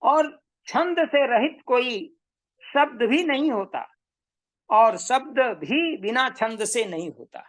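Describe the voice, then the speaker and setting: A woman giving a measured, emphatic lecture on Vedic meter, repeating her key points. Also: a little high, lively intonation. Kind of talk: slow explanatory lecture.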